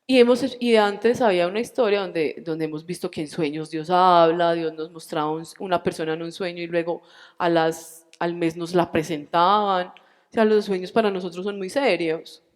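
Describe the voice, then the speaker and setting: A woman in her forties with a Colombian accent, telling a personal faith testimony at a church retreat, animated and acting out the dialogue. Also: lowish voice, moderate pace, in a large hall. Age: 40s.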